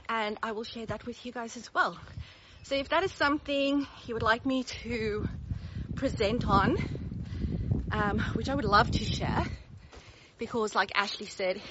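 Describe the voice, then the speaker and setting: An Australian woman with a fairly high voice vlogs while walking uphill outside, slightly winded. She speaks frankly and upbeat, like a mentor talking to her audience. The recording is dull and lo-fi, with faint outdoor noise. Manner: upbeat, direct, laughs often. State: slightly out of breath. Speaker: business mentor. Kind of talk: casual walk-and-talk vlog.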